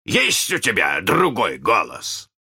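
A man's voice: lowish voice, huge pitch swings, slow pace, pushed and bright, husky, exaggerated voice. A man voicing a wicked, blustering pirate captain in a storybook reading, barking his questions and orders. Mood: puzzled.

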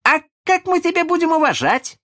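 Peter Pan, as a man puts on a bright, eager boy. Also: very high-pitched, moderate pace, voice pushed up, full character voice. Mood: coaxing. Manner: excited, wheedling, coaxing. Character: eager cunning young boy who never grows up.

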